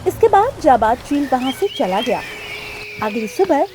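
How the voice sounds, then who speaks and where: High-voiced woman storyteller. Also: measured pace, noisy background. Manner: clear, expressive storytelling. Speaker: narrator. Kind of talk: scripted cartoon storytelling.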